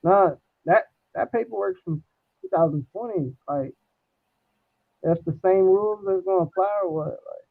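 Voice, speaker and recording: A man's voice: high-pitched, normal speed, gravelly. A man calling into a live stream, talking casually in a laid-back, hesitant drawl, his voice muffled as if heard through a wall. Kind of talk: casual chat. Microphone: phone or video call. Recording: muffled tinny phone-like call audio.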